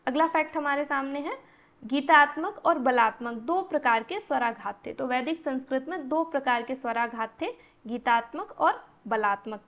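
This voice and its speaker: Female lecturer, high-pitched, patient step-by-step exam-prep teaching, rhetorical questions. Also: normal speed, a bit bright. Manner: explains step by step, asks and answers own questions.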